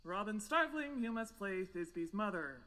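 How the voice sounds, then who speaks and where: An actor playing a fussy male carpenter who directs a village play and calls out the cast in a measured way. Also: mid-range voice, lively intonation, sharp tone, big-room sound. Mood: directing. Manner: calls out names in a measured, slow way.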